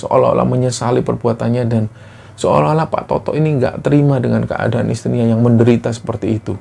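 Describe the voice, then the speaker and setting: A man's voice: mid-range voice, creaky, dark tone, slight background noise. A man narrating a horror story in an earnest, repetitive way.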